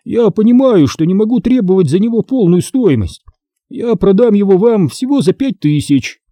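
A man's voice: sits high, animated, moderate pace, warm tone, no room sound, clean studio sound, pitched above the performer's own voice. A man doing a nervous older car seller. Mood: uneasy.

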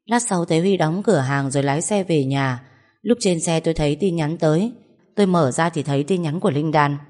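A young woman narrating a first-person audio story at a steady pace. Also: low voice, a little fast.

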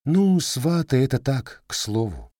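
A man's voice: mid-range voice, big pitch swings, a little slow, warm tone, no room sound, studio quality, pitched above the performer's own voice. A man voicing a sly, teasing young Cossack widow in a storybook reading, raising his voice for her. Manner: slightly raised, teasing folk speech.

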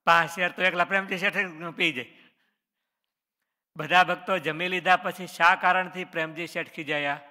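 A man's voice: sits high, steady tone, moderate pace, sharp tone, in a large hall. A man, a religious teacher reading out quiz questions on scripture stories and answering each one, with short explanations. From Gujarat, India.

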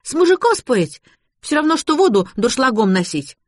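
A woman's voice: sits high, very animated, moderate pace, no echo, studio quality, voice pushed up. A woman voicing chatty, stubborn girl Charlotte. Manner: playful, chattering, folksy baby-talk words. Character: chatty, stubborn young woman, folksy sayings.

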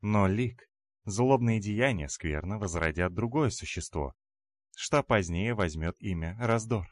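Storybook heroine: grave, measured young woman, read by a deep-voiced male narrator. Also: animated, dry recording. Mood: solemn.

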